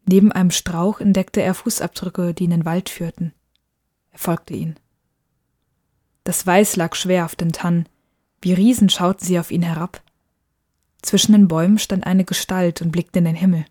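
Warm-toned woman narrating a story. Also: on the low side. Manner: calm, measured and hushed.

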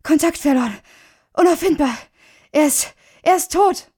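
A woman voicing a frantic village woman who is breathless and shrill. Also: normal speed, mellow, lightly acted. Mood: panicked. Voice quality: shrill, panicked.

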